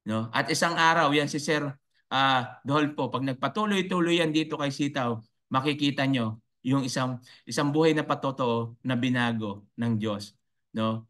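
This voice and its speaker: A man from the Philippines giving an online business coaching talk, preachy and faith-filled, who keeps asking his viewers "right?" and lets his voice rise high on emphasis. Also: fairly bright tone. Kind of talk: motivational live talk to viewers.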